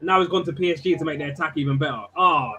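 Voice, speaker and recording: Animated slangy man on a football panel. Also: on the high side, racing. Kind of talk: casual football chat.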